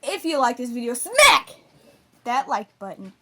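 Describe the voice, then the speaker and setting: Young woman doing casual vlog hosting, high voice, bit of background hiss. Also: expressive, a little fast. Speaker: video host.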